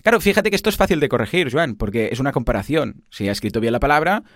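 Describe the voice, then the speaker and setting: A man in his thirties, explaining software in a casual, animated way full of tag questions and examples. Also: mid-range voice, fast, dry recording, studio quality. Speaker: podcast host explaining software.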